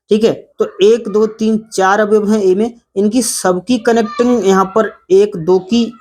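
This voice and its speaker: A woman's voice: medium pitch, darkish tone. A woman maths teacher explaining a lesson to her students, often checking in with short tag questions and drawing out key words for emphasis. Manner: repetitive, checks in with "ठीक है" and "है ना".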